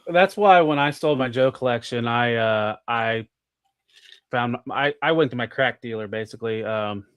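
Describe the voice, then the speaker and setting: A man's voice: medium pitch, normal speed, fairly bright tone, clean tone, no room sound. An American man, a guest on a podcast, chatting in a rambling way full of "like" and restarts. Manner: rambling, filler-heavy with many restarts. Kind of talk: casual chat.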